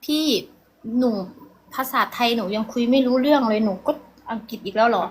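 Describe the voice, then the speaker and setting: A woman's voice: fairly high pitch, a little fast, slight background noise, lightly acted. A young woman with an Isan (Northeastern Thai) accent playing a flustered village girl in a comedy sketch, who pleads and stumbles over English words. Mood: pleading.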